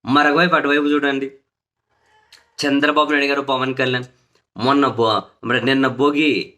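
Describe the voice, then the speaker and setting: Man, political commentator, bright forceful voice, sarcastic, indignant, repeats phrases for emphasis. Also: medium pitch, little pitch movement, moderate pace.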